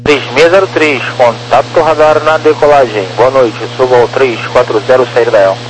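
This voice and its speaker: A man's voice: mid-range voice, normal speed. A man giving procedural instructions as an air traffic controller, police-radio style, over a two-way radio. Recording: noisy aviation radio channel with hum.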